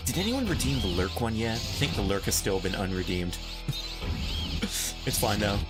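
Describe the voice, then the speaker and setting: A young man streaming a game, chatting casually with his chat, excitable and quick to laugh, often restarting his sentences. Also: on the low side. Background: faint game music.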